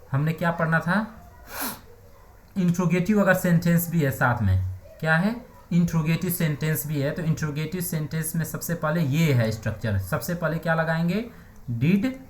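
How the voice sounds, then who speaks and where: A man teaching English grammar in Hindi, putting questions to the class and answering them himself, repeating key terms. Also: sits high. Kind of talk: Hindi-medium grammar lesson. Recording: echoey room.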